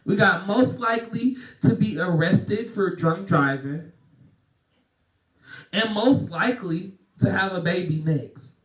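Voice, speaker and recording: A young man with a high voice hosts a loose, joking podcast chat and laughs easily. He sits back from the mic in a roomy space, so his voice carries a clear echo. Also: slow, far from the mic. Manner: playful, joking, laughs often. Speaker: podcast host.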